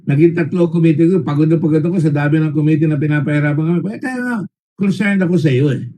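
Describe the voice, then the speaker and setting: A man's voice: a little high, mellow, rough recording. Stern Filipino man chairing a hearing. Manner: stern, lecturing, with frequent halting fillers and repeated words; switches between English and Tagalog mid-sentence. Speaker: committee chairman questioning a witness. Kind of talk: formal hearing interrogation.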